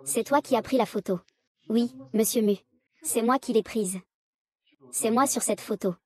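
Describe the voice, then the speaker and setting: A woman's voice: fairly high pitch, moderate pace, a little mellow, breathy edge. A woman reading the dialogue of a dubbed drama, voicing every part in the same unchanging voice. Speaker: voice-over reader of a drama recap.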